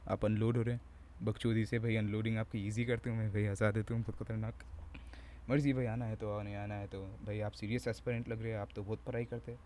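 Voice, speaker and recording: A man's voice: fairly low pitch, level tone, fast talker, dark tone, slight background noise. A young man, chatting casually to camera at home in a rambling, self-mocking, slangy way. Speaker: vlogger. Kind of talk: casual joking chat to camera.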